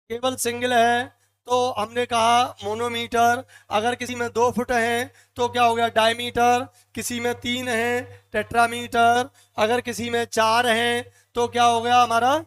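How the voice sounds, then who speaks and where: एक पुरुष अंग्रेज़ी साहित्य के शिक्षक, जो कक्षा में कविता के मीटर पर व्याख्यान देते हैं और बार-बार सवाल पूछकर ख़ुद ही जवाब देते हैं, फ़ुट एक-एक करके गिनते हुए।. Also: male voice, extremely high pitch, monotone, measured pace, fairly bright tone, clean tone, faint music behind. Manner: asks the class questions and answers them himself, counts out feet one by one. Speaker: English literature teacher. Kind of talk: classroom lecture.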